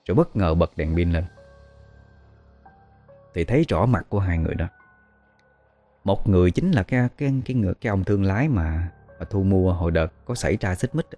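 Deep-voiced Southern Vietnamese storyteller. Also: male voice, expressive, warm tone, faint music behind. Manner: slow, measured, hesitant with fillers. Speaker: ghost story host. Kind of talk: storytelling narration.

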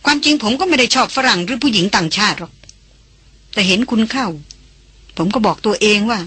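A woman's voice: mid-range voice, expressive, a little fast, bright, forceful tone, slightly rough, no echo, full character voice. A woman reading an audiobook, voicing a bold young man who earnestly courts a foreign woman. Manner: earnest, pleading, raised voice.

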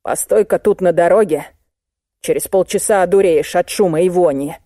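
A woman's voice: fairly low pitch, normal speed, mellow, no echo, clean studio sound, lightly acted. A woman voicing a male patrol sergeant who grumbles and blusters in an audiobook. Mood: grumbling.

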